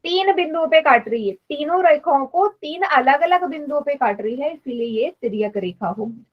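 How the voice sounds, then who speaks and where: A woman's voice: sits high, lively intonation, moderate pace, lo-fi sound. A woman teaching math in a live online class, patiently explaining and quizzing students. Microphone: online class stream.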